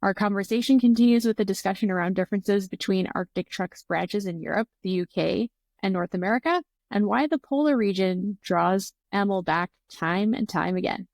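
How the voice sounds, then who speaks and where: A woman's voice: medium pitch, moderate pace, creaky, a little mellow, no room sound. A woman hosting a podcast, reading an intro and interviewing a guest with upbeat enthusiasm. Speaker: podcast host. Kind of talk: scripted intro, then casual interview.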